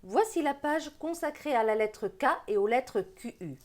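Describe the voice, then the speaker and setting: A woman teaching young children to read, sounding out syllables slowly and deliberately, with gentle encouragement. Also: on the high side, expressive. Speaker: reading teacher. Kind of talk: slow reading lesson for young children.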